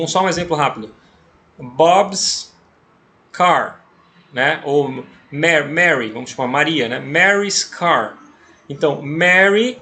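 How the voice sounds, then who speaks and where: A man from Brazil teaching English by reading a story aloud and explaining it slowly and patiently, often checking that the listener follows. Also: on the high side, bright, forceful tone, a little hiss or hum. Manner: slow and patient, with frequent checking tags. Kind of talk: explaining a text as an English lesson.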